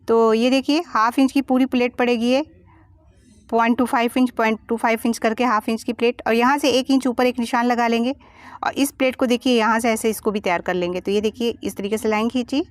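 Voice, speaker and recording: A woman walks through a sewing lesson in a voice-over, patient and explanatory as she talks through each mark and cut. Her voice sits a little high, and the close, dry recording has no room sound around it. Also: no echo. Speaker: sewing teacher. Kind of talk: step-by-step tutorial voice-over.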